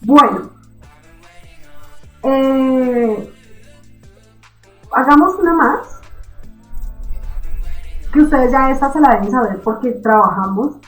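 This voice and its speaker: A woman teaching an online reading lesson, constantly checking understanding with quick questions. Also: high-pitched, a bit bright, reverberant, soft background music, rough recording.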